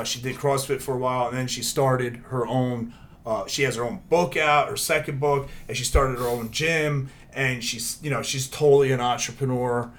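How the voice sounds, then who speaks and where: A man's voice: medium pitch, a bit bright, a little hiss or hum. A man in casual chat, easygoing and agreeable, rambling through a story.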